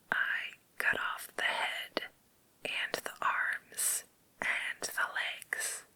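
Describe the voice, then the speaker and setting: Close to the mic, a woman reads a story in a slow, deliberate ASMR whisper that is breathy and creepy. Her tone is still bright and forceful, and the audio quality is poor.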